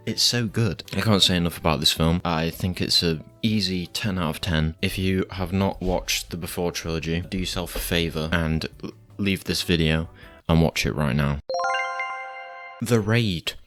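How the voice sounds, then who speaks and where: Guy with a low voice doing chatty movie reviews, rambles a bit, laid back, quiet music under it. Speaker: film review vlogger. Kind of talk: casual film review chat to camera.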